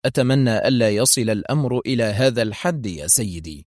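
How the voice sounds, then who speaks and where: A man voicing a calm, composed male intelligence colonel who speaks quietly and politely. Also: mid-range voice, brisk, no echo, clean studio sound, close to an everyday voice.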